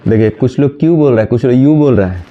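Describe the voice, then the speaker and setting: Scolding teacher. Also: male voice, mid-range voice, expressive. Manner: scolding, brisk, addresses students directly. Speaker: reasoning teacher. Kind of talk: classroom lecture. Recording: dull lo-fi sound.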